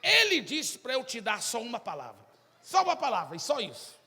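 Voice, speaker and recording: A man's voice: extremely high pitch, wildly swooping pitch, fairly quick, vocal fry, sharp tone, breathy edge, big-room sound, voice pushed up, exaggerated voice. A man voicing a timid, simple young male believer who speaks hesitantly, then boldly.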